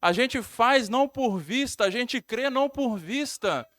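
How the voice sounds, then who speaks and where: A man's voice: very high voice, expressive, a little slow, a bit bright, no room sound. A male pastor with a Brazilian Portuguese accent, preaching a sermon in a storytelling way, repeating phrases and adding tag questions.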